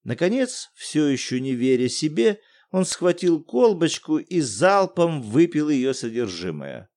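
A man's voice: on the high side, big pitch swings, a little slow, darkish tone. A man narrating an audiobook with dramatic storyteller delivery.

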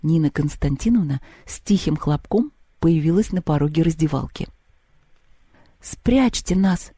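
A woman calmly narrating a children's storybook. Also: sits low, normal speed, husky, no room sound, clean studio sound. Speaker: audiobook reader.

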